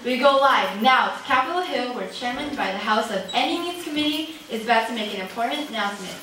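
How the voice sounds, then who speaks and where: A woman's voice: on the high side, expressive, quick pace. A woman voicing a radio news announcer who reads a special bulletin in an old newsreel style, formally and with announcing flair. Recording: echoey hall from far off, noisy.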